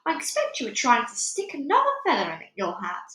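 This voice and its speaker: A woman voicing a bossy, sharp-tongued mother with a shrill, scolding voice. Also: wildly swooping pitch, brisk, reverberant, exaggerated voice.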